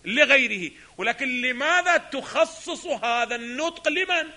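A man's voice: high-pitched, animated, moderate pace, bright, forceful tone. A man giving a lecture on a philosophy text, often asking rhetorical questions and answering them himself. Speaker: religious scholar teaching a text.

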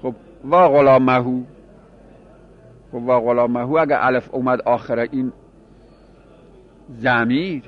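Man teaching a grammar lesson, lo-fi. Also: a little high. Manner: explains by repeating examples and asking questions.

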